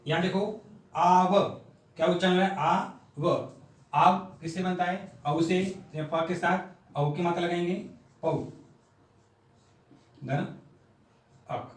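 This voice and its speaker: Slow, deliberate male teacher in an echoey room. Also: sits high, fairly even intonation, recorded from a distance. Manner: slow, step-by-step explaining, repeating syllables aloud. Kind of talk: whiteboard grammar lesson.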